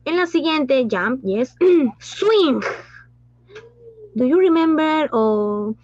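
Woman teacher, high slow voice, dull dry sound. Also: lively intonation, a little mellow, no echo. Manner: mixes Spanish and English, asks questions and praises pupils. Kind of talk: online class teaching.

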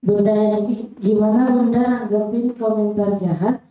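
A teenage girl, a high school student in the audience, asking a question in a formal, polite way. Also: steady tone, normal speed, highs cut off. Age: teens. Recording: very echoey hall mic.

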